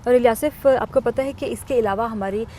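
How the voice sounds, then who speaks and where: A woman co-hosting a Bible teaching talk, calmly explaining and reading verses aloud. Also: on the high side, slight background noise. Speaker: co-host.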